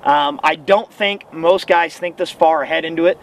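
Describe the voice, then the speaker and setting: A man's voice: fairly high pitch, moderate pace, rough recording. A man giving casual, emphatic instruction as a hunting coach, often repeating phrases for stress. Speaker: goose-calling instructor and hunter. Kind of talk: casual instructional talk to camera. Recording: outdoor hum and faint vehicle noise.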